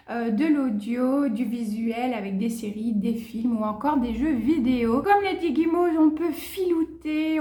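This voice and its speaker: A woman's voice: high-pitched, a little mellow, roomy sound. A woman talking casually about her reading plans from home, chatty, with lots of fillers and restarts. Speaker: book vlogger. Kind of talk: casual chat.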